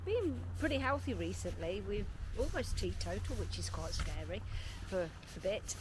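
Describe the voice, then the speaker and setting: A woman's voice: mid-range voice, very animated, moderate pace. A British woman vlogging in casual, chatty talk full of informal slang. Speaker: travel vlogger. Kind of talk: casual chat to camera. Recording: noisy location sound with ambience.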